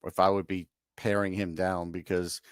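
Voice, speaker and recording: Low-voiced New York man giving hockey opinions. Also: little pitch movement, moderate pace, smooth, no echo, studio quality. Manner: opinionated, matter-of-fact. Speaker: podcast co-host. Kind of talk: casual sports podcast chat.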